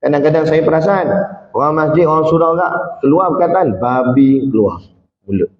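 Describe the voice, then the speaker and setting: A man with a Malay accent giving a religious lecture in an animated way, acting out quoted speech and often tagging his points with "ha" and "kan". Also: on the high side, a little fast. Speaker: preacher. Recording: echoey hall, dull lo-fi sound.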